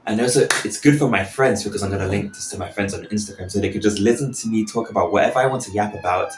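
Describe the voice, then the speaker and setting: Recorded in a small, echoing bathroom with some background noise, this podcast host is a man in his early twenties. His voice sits low and he talks at a quick pace, rambling without a script and frequently cutting himself off.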